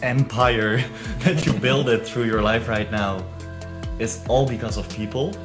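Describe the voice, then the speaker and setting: A man's voice: medium pitch, measured pace, music in the background. A man hosting a podcast, introducing and questioning his guest in a casual, encouraging way with frequent "yeah" agreements. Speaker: podcast host. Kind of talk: conversational interview.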